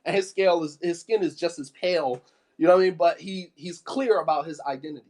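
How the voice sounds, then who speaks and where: Speaking fast in a slightly mellow, highish voice, this American Islamic studies teacher gives a fervent talk. He hammers his points home through repetition and keeps asking if listeners are following, with frequent "you know what I mean."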